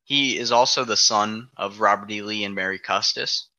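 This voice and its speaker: Man presenter, very bright and forceful tone, dry close sound, laid-back explainer with ums. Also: fairly low pitch, normal speed, dry recording, rough recording. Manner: walks through dates step by step, frequent ums. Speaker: presenter of an alternate history timeline. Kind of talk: casual explanatory podcast talk.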